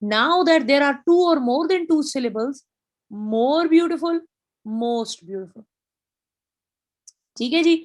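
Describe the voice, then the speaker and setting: A woman's voice: sits high, lively intonation, drawn-out words, pauses often. A woman with a Pakistani accent giving a grammar lecture, explaining step by step and spelling out English example sentences. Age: middle-aged.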